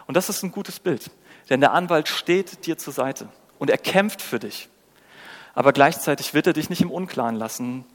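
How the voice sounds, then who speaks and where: Long hall reverb surrounds a preacher whose medium-pitched voice has a fairly bright tone. His sermon is engaging and conversational, full of rhetorical questions to the listeners and quoted lines he acts out.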